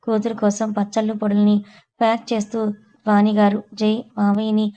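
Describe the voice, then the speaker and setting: A woman narrating an audio story with a steady, even reading. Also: medium pitch, fairly quick, muffled recording.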